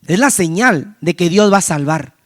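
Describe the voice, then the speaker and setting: A man's voice: sits high, expressive, normal speed. A man preaching a sermon, telling a street-evangelism story and acting out the people he met, with frequent restarts. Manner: storytelling, acts out quoted voices, frequent restarts. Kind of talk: sermon testimony.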